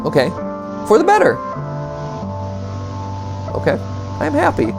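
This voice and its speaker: Over background music, a man hosting a reaction video reads the on-screen text and adds joking, sarcastic asides and exclamations. He speaks a little slowly in a very high voice full of huge pitch swings and vocal fry.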